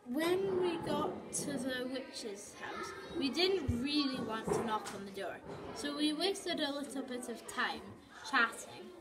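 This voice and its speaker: A woman reading her own story aloud, slowly and haltingly, with restarts. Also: sits high, animated, very noisy. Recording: voice from off the mic, people chattering behind.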